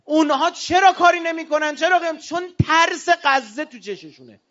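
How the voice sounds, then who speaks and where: A man from Iran addresses an audience in a passionate, declamatory speech, his voice sitting unusually high. His tone is bright and cutting, and he rises into shouts. The recording sounds dull and lo-fi. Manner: fiery and declamatory, with bursts of shouting. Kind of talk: impassioned political speech.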